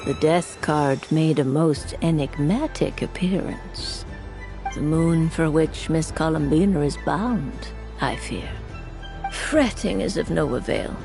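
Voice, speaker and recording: A woman playing a genteel, playful elder in a video game, speaking in formal, quaint, measured phrases. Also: low voice. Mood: pensive. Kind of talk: video game character acting. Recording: music playing behind the voice.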